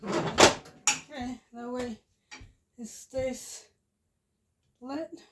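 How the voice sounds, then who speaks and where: A Mexican woman in her forties speaks with a Spanish accent in a high, steady, fairly bright voice, very slowly. She's a homestead vlogger chatting casually while washing dishes by the wood stove in her home kitchen, rambling, restarting sentences and chuckling often. A phone camera propped nearby picks her up with slight background noise.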